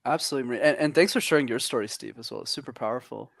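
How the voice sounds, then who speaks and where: A young man from Canada, a podcast guest, telling stories in energetic, extroverted casual chat. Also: medium pitch, racing, gravelly, no echo, studio quality.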